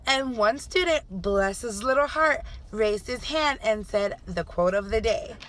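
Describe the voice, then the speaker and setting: A woman teacher telling a classroom story in an animated vlog, acting out the children's voices. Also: fairly high pitch, unhurried, slight background noise. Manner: animated, acts out kids' voices.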